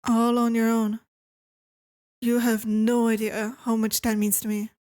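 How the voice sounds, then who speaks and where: A woman playing a possessive, controlling wife in an ASMR role-play, speaking with sweet, eerily obsessive calm and deliberate pauses. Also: fairly high pitch, no echo, studio quality, natural voice.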